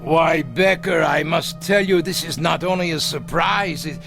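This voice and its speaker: An actor in a vintage television drama plays an evasive, agitated former SS captain, halting and blustering as he defends himself with a tone of jovial disbelief. His voice is fairly high and creaky, with music playing in the background.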